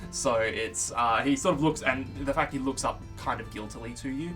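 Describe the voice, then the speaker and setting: Man, game master, mid-pitched, rambling narration, music behind. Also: moderate pace, a bit bright. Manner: rambling, loose, many fillers and restarts. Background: background music.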